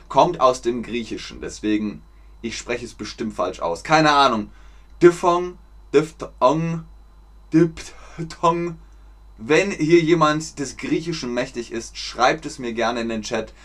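A male teacher on a live stream who speaks slowly and clearly and repeats key words for his students. He keeps a chatty tone and reads viewer names out from the chat. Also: medium pitch, fairly bright tone. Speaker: German teacher. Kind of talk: live-streamed language lesson.

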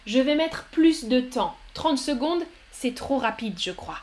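Woman teacher running a live word game, high voice, slow and clear, keeps cheering the chat on. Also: lively intonation, a little mellow. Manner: upbeat, encouraging, reads chat names aloud. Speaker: French teacher hosting a live stream.

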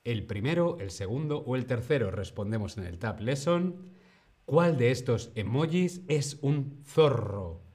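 A man teaching Spanish on a live stream, speaking slowly and over-articulating each word for learners. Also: mid-range voice, animated, darkish tone. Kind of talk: live online language lesson.

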